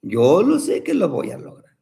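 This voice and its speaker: A man's voice: high voice, wildly swooping pitch, moderate pace, vocal fry, dark tone, full character voice. A man voicing a young brave caterpillar who pleads to become a butterfly. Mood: pleading. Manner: earnest, pleading storybook voice.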